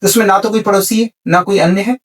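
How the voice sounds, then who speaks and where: A man with a high voice and steady tone talks quickly about spiritual ideas in a podcast conversation, sitting far from the mic. As a spiritual speaker, he keeps repeating key words and drops in English terms.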